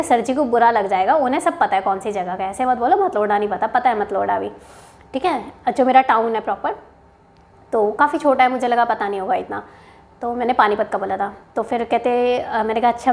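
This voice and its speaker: Young woman from haryana, high voice, chatty storytelling vlog, mixes in english, frequent checking-in asides. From Haryana, India. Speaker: bank officer sharing interview experience. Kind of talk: casual storytelling to camera.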